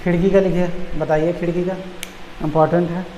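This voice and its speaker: एक पुरुष शिक्षक, जो परीक्षा के लिए पर्यायवाची शब्द धीरे-धीरे बोलकर लिखवाता है और हर शब्द कई बार दोहराता है।. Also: male voice, high voice, flat delivery, mellow, muffled recording. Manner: slow, repeats each word for note-taking. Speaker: teacher. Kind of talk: dictating exam vocabulary lesson. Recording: echoey room, faint background noise.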